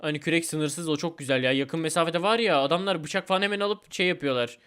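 A young man giving excited gameplay commentary as a gaming YouTuber, repeating words rapidly. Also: fairly high pitch, clear, resonant tone.

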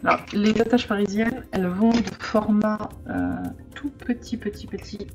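A woman with a mid-pitched voice explains her card-making as she goes, often pausing to think it over. Now and then she drops to a hushed aside. Clear music plays underneath her voice. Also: steady tone. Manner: thinking aloud, many hesitations. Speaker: crafting vlogger. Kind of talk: casual crafting tutorial. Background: background music.

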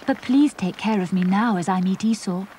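A woman's voice: mid-range voice, moderate pace, dark tone, slight background noise, lightly acted, low-quality recording. Woman doing a humble fearful young man. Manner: humble pleading prayer.

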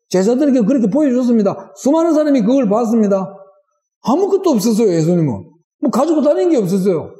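A man's voice: extremely high pitch, mellow. A middle-aged male pastor preaching a sermon, driving his points home with rhetorical questions. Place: church sanctuary. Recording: echoey church hall with long reverb.

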